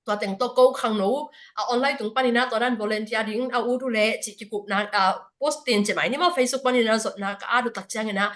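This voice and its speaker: A woman's voice: fairly high pitch, fairly even intonation, fast, hardly any pauses. A woman speaking at a church prayer fellowship service, giving a spoken report to the congregation with frequent hesitation fillers.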